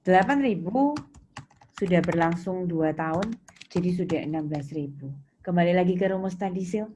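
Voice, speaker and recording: A woman lecturing in accounting speaks with an Indonesian accent in a low, mellow voice at a moderate pace. Explaining points and putting questions to students in an interactive style, she is recorded amid noise, keyboard clicks, and typing.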